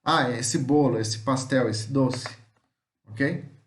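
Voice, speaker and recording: A Brazilian man with a Brazilian Portuguese accent giving a relaxed, conversational homeschool lesson, often tagging his sentences with checks for understanding. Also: medium pitch, takes it slowly, reverberant. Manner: conversational, many filler tags and repetitions. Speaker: teacher.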